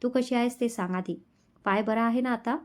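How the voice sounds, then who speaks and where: In a romance storybook reading, a woman with a fairly high voice voices a young husband at a moderate pace. She acts it lightly, making him tender, affectionate and teasing.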